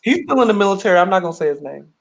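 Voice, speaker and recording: A man's voice: rapid-fire, vocal fry. A young man co-hosting a casual talk show, telling a story and acting out quotes with big jumps in his voice. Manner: animated, acts out quotes with big pitch jumps. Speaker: podcast co-host.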